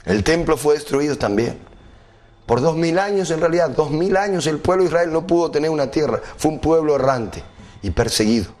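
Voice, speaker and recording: A middle-aged man preaching a sermon, asking the congregation rhetorical questions and reading scripture slowly. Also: darkish tone. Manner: quotes scripture at a slower, lower pitch.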